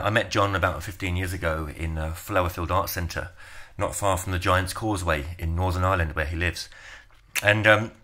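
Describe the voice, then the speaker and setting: A man with a very low voice and a bright, forceful tone talks informally from his home. He is relaxed and self-deprecating and fills his sentences with ums and uhs before he plays. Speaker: guitarist. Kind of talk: casual spoken introduction at home.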